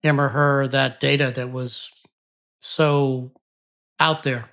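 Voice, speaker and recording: A man's voice: medium pitch, flat delivery, slow pace, creaky, a bit bright. A man hosting an interview podcast, asking questions in a courteous, reflective way. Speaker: podcast host.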